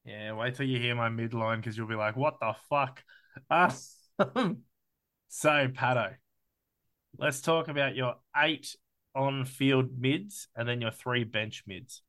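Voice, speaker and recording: An Australian man co-hosting a casual sports podcast, excitable and swearing freely as he talks through his team picks. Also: mid-range voice, slow pace. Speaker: podcast co-host.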